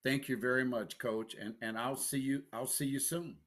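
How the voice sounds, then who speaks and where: A man hosting a casual sports talk show, excitable and quick to laugh, often repeating words as he talks. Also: medium pitch.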